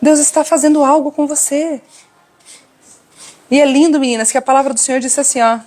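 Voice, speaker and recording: Animated Brazilian woman preaching to women. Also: sits high, fairly quick. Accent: Brazilian Portuguese. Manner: animated, addresses viewers directly, acts out quoted voices. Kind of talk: live-stream preaching to women.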